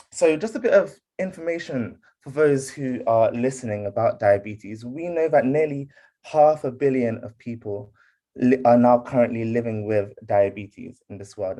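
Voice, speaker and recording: A man's voice: mid-range voice, measured pace, warm tone. A man from the UK hosting an online panel on a video call, friendly, with frequent fillers and restarts. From United Kingdom. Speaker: panel host.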